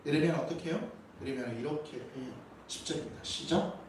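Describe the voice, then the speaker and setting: A man preaches a Sunday sermon as pastor in a church sanctuary, speaking emphatically and posing many rhetorical questions. His voice is fairly high and fast. The recording is echoey, captured from far off with faint noise.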